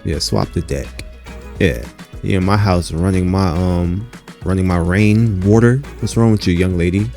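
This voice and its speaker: A deep-voiced man chats his way through a game, relaxed and meandering, with lots of "you know" and "um" between thoughts. His tone is dark and mellow, and faint music plays behind him. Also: unhurried. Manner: rambling, many fillers and "you know"; talks to the viewers as "you guys". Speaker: gaming channel host. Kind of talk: casual gameplay commentary.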